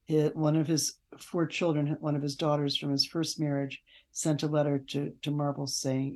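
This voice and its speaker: A woman with a low-sitting, darkish voice is interviewed as a guest author. She tells stories conversationally, in a halting, reflective manner with pauses.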